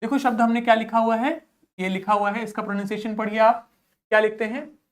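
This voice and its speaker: Woman teacher drilling pronunciation slowly. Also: fairly high pitch, fairly even intonation. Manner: drills pronunciation by slow repetition; asks rhetorical check questions. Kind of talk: classroom vocabulary lesson.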